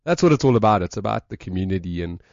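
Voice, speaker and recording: A man's voice: on the low side, expressive, rapid-fire, creaky, darkish tone, dry recording, lo-fi sound. A man co-hosting a radio show, chatting in an upbeat way and reading the show ident. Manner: upbeat, wraps up with a moral and reads the show ident. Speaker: radio co-host. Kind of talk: casual radio chat.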